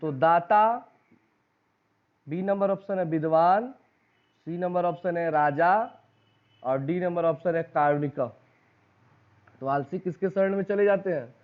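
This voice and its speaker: High pitched bihari guy teaching exam prep in a classroom, keeps asking the class and repeating answers, phone-quality audio. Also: a little slow, pauses often. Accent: Bihari Hindi. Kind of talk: exam-prep lesson, reading out quiz questions and options. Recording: tinny phone-like recording.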